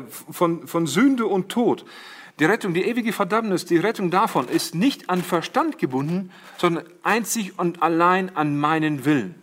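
Middle-aged male preacher, emphatic sermon delivery, slightly high voice. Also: fairly bright tone. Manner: addresses congregation as siblings, quotes Jesus with emphasis.

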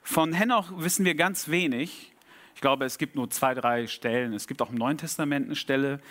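A man preaching a sermon, reflective and intimate, often dropping to a soft low voice and asking the congregation direct questions. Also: moderate pace.

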